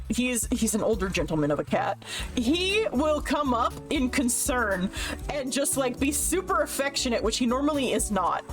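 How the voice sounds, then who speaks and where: A rambling, chatty woman streaming from her desk at home, her voice sitting a little high and bouncing around a lot. She laughs often between thoughts, and music plays clearly behind her. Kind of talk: casual live-stream chat.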